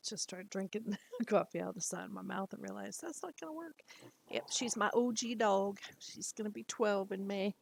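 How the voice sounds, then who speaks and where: A woman's voice: mid-range voice, moderate pace, gravelly, poor audio. A middle-aged woman chatting casually to camera at home, rambling and laughing often. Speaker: lifestyle vlogger. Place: at home, indoors.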